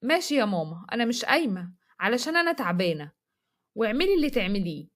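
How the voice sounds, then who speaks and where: A woman's voice: fairly high pitch, big pitch swings, quick pace. A woman doing a bitter, tired Egyptian daughter. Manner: bitter, sarcastic. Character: weary, put-upon unmarried daughter.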